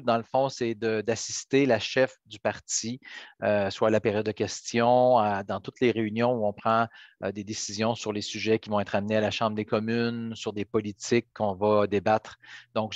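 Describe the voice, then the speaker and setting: A middle-aged man from Quebec with a Quebec French accent, answering interview questions as a politician in measured, hesitant phrasing. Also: medium pitch, no echo. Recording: dull, lo-fi band-limited sound.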